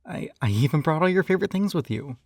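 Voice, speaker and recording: A fairly high-pitched, animated male voice with a darkish tone and quick pace voices a possessive yandere captor and hypnotist, coaxing in a doting, slightly condescending manner with many sighs. It's an intimate scripted audio roleplay, dry and studio quality.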